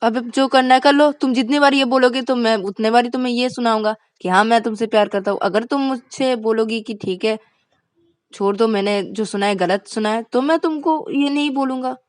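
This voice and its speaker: Woman doing a hot-headed young guy, yelling, high and loud, dry sound. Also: brisk, dry recording, close to an everyday voice. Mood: angry shouting. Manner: shouting, indignant, high-pitched. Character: angry young man, hot-tempered lover.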